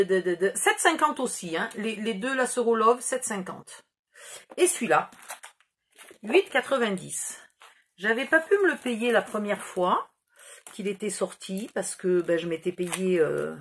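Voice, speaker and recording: A middle-aged woman with a mid-range voice rambles casually through a scrapbooking haul video, poking fun at herself whenever she loses track. There's slight background noise behind this YouTuber's chat.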